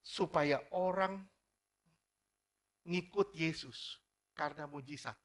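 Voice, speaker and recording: A man preaching a sermon as pastor, energetic, firing rhetorical questions at the congregation and mixing formal preaching with casual slang. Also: on the high side, slow pace.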